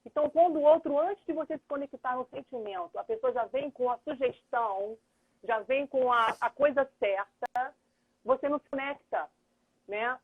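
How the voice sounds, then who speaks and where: Middle-aged woman, earnest lawyer-mediator guest, husky, heard over a phone-like live stream. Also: sits high, moderate pace. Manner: earnest, thinks aloud, acts out dialogue. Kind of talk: explanatory live chat. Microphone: phone or computer on a video call. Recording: tinny phone-like livestream audio.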